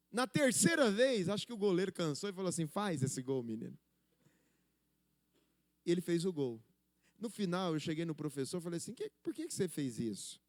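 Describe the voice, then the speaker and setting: A man's voice: sits high, darkish tone. A middle-aged Brazilian man preaching a sermon to church leaders, conversational, often asking the audience rhetorical questions. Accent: Brazilian Portuguese. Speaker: pastor. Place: church hall.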